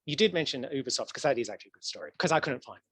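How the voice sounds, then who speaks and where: A man talking as a podcast guest in casual interview chat, animated and laughing often, his voice swooping up for emphasis. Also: medium pitch, racing, breathy edge, no room sound. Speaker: podcast guest, historical archivist.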